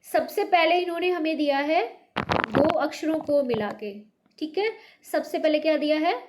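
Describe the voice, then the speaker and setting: A woman's voice: sits high, normal speed, very noisy. A woman from North India teaching Hindi to beginners, patiently repeating words with stress. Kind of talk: slow beginner language lesson.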